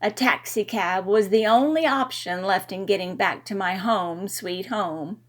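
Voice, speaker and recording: A woman narrating a first-person story in an expressive, playful way. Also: medium pitch, unhurried.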